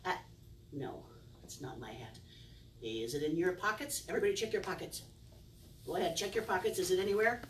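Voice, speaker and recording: With big, swooping intonation, a middle-aged children's magician and circus performer acts out playful, exaggerated amazement and mock puzzlement. Her lowish voice is animated and fairly quick with frequent pauses, picked up far off by a camera near her small indoor stage, so the audio is roomy with faint noise.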